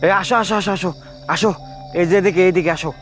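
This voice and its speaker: A man's voice: high-pitched, fairly even intonation, quick pace. A man leading a staged ghost search outdoors at night, frantic and repeating his calls over and over. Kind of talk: staged horror search in the dark. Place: outdoors near fields and trees. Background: music.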